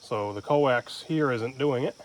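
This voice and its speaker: This man speaks at a measured pace in a mid-range voice, outdoors at a rural camp in the woods. He hosts a homestead vlog as an amateur radio hobbyist, chatting and narrating a practical job with dry, teasing humor as he works.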